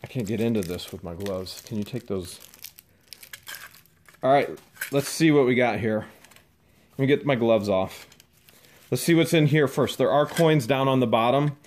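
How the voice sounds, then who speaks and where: Excited man narrating an unboxing. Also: medium pitch, moderate pace, pauses often. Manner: excited, chatty, narrating to camera. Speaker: host. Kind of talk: casual unboxing vlog. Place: dusty garage.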